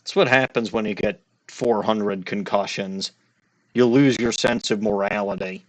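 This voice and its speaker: A man's voice: fairly low pitch, fairly even intonation, unhurried, low-quality recording. A man giving casual, wry, sometimes profane commentary as host of a game playthrough. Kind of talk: casual commentary while reading a game aloud.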